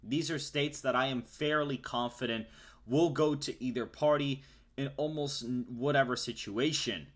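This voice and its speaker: A man reading out election polls state by state as he fills in a forecast map. His delivery is steady and list-like, pitched in an ordinary middle range, with small self-corrections along the way. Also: moderate pace. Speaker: political forecaster host.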